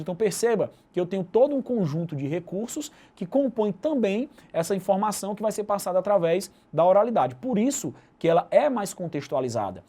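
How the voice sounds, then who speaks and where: In this recorded video lesson, a Brazilian man with a Brazilian Portuguese accent walks through the material step by step, ending almost every phrase with a tag question. His voice is high-pitched and warm in tone, and he speaks as a teacher.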